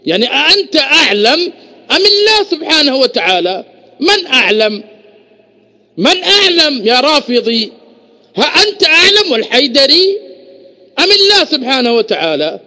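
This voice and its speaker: A combative man debating in an online voice room. His voice sits very high and cuts through bright and sharp. He taunts and hammers the same challenge again and again, his pitch swinging all over. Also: sing-song, moderate pace, long pauses. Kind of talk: heated religious debate.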